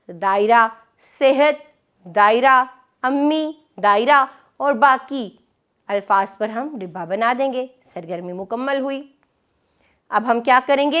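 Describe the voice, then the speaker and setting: A woman leads a children's reading lesson, saying each word slowly and carefully. Her voice sits high, and she drawls every syllable at an unhurried pace. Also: fairly bright tone. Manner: slow, careful, drawn-out word-by-word pronunciation. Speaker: teacher.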